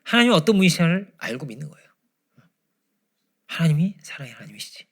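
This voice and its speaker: Animated, gravelly-voiced male preacher. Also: a little high, quick pace. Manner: animated, swings from loud emphasis to hushed near-whispers. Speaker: pastor. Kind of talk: sermon. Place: church.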